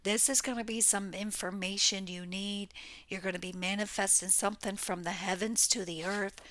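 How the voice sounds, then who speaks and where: A woman's voice: mid-range voice, steady tone, normal speed, fairly bright tone, no room sound. A woman doing a casual tarot reading for her viewers, blunt and exclaiming, with the odd curse. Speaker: tarot reader. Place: home room near a window.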